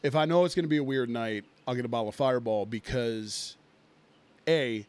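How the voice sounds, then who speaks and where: Here a man in his thirties, co-hosting a laid-back podcast, drifts through a lengthy drinking tale full of profanity and fillers. His mid-range voice runs fairly quick and sounds a little mellow and smooth.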